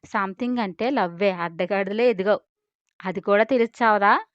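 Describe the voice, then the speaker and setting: A woman's voice: fairly high pitch, steady tone, moderate pace, smooth, dry recording, lo-fi sound, natural voice. A woman voicing a young woman's teasing inner conscience that scolds and lectures her. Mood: scolding.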